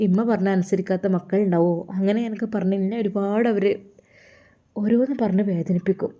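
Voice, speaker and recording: A woman's voice: medium pitch, warm tone, lightly acted. A woman voicing a tender, worried older mother coaxing her son.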